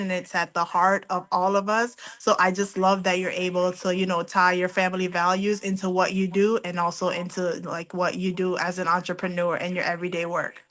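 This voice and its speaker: A woman's voice: lowish voice, a bit bright. A woman hosting an interview, affirming her guests and asking them questions. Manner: affirming, encouraging. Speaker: host.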